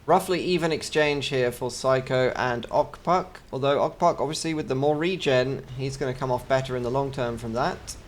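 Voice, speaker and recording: A man's voice: mid-range voice, moderate pace, few pauses, slight background noise. An English man casting a strategy video game in a chatty way, with joking asides between the play-by-play. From England. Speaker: game caster.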